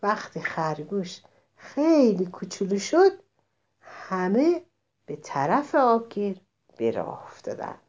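Woman, children's story narration, expressive, addresses kids directly, mid pitch. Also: dull audio.

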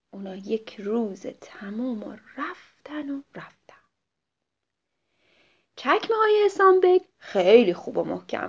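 Woman storyteller, children's tale, lively high voice, frequent whispers, muffled lo-fi recording. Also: creaky, breathy edge. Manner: expressive, drops to a whisper often.

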